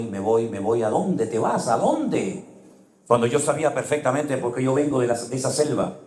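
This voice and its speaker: A middle-aged man preaching a sermon as a pastor, telling personal stories with emotion and sudden leaps in pitch. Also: a little mellow. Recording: echoey room.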